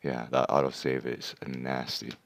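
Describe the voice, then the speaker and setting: Very deep-voiced man streaming a game. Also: flat delivery, a little slow, gravelly. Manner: chatty, explains game mechanics step by step. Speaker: livestream host. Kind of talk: casual gameplay commentary.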